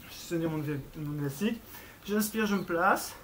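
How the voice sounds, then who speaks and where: Her voice on the low side and her pace moderate, a woman coaches a workout with a little hiss or hum in the background. She counts reps, exerts herself while talking, and keeps up chatty encouragement with small filler sounds.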